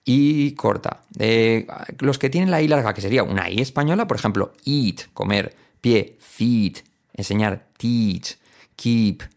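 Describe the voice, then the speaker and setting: A man from teaching English pronunciation, explaining in casual speech and repeating example words slowly. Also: medium pitch, gravelly, darkish tone. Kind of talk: spoken language lesson.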